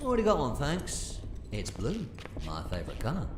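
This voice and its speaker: A man's voice: on the high side, wildly swooping pitch, normal speed, reverberant, noisy background. A man playing an eccentric, reassuring time-travelling adventurer in an audio drama, with a theatrical, whimsical delivery. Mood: excited, whimsical. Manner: theatrical, whimsical, swings from hushed to exclaiming.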